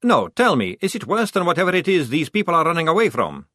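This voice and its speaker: A man's voice: a little high, huge pitch swings, fast, a bit bright, no echo, voice pushed up, exaggerated voice. A man voicing a sardonic male vampire soldier with a dry, mocking delivery. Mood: sarcastic. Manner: sarcastic, dry.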